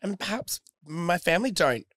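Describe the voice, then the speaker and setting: A man's voice: high voice, animated, moderate pace, a bit bright. An Australian man talking reflectively as a podcast guest in casual chat, telling stories with frequent restarts.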